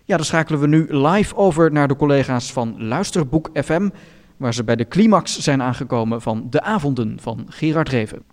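A man hosting a satirical radio news show, reading items in a calm, formal deadpan. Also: on the high side, moderate pace, in a large hall. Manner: calm, formal newsreader delivery.

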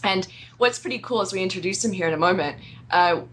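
A woman's voice: medium pitch, fast, fairly bright tone, slight background noise. A woman with an American accent co-hosting a podcast in casual, chatty talk that often breaks into laughs. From United States. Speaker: podcast co-host.

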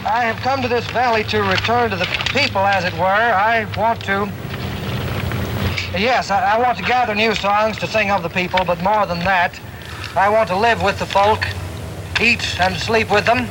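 Brief: male actor as self-important 1960s film folk singer, high voice, flustered, stumbling speeches, noisy outdoor soundtrack. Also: lightly acted. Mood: pompous, flustered. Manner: halting, self-important speechifying, repeating himself. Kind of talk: 1960s low-budget film acting.

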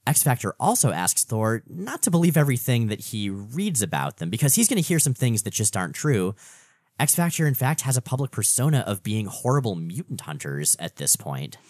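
A man's voice: medium pitch, big pitch swings, moderate pace, a little mellow, dry recording, clean studio sound. A man co-hosting a conversational comic-book recap show, telling the story expressively. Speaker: podcast co-host.

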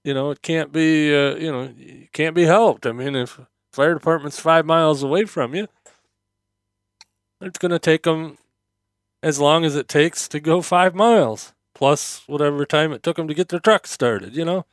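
A man talks casually as the host of a solo podcast, in a slightly high, clear voice with a touch of numb-mouthed speech from dental work. He meanders conversationally, hesitating and circling back. The sound is close and dry. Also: normal speed, dry recording.

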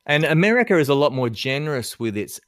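An Australian man spins stories on a podcast, his pitch bouncing all over the place as he talks. The sound is close and dry, with no room around him. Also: quick pace, no room sound. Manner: lively storyteller, laughs often. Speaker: podcast guest, musician. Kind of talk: casual podcast chat.

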